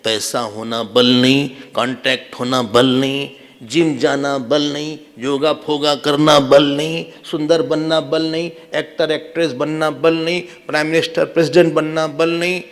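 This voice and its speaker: Lively, joking swami storyteller man. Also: a little high, a little slow. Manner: animated, humorous, acts out quotes. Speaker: swami, spiritual teacher. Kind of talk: devotional sermon with storytelling.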